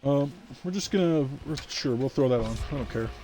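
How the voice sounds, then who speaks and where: Man, live game stream, cocky trash talk, tired, bouncy pitch, noisy background. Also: lively intonation, brisk, warm tone. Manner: boastful, playful trash talk. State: tired, yawning. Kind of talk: live gameplay commentary.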